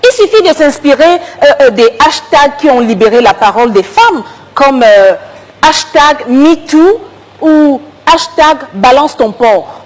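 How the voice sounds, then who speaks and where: A woman with a West African French accent, speaking slowly and insistently as an advisor in a comedy sketch. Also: high-pitched, sing-song. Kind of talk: staged comedy sketch dialogue.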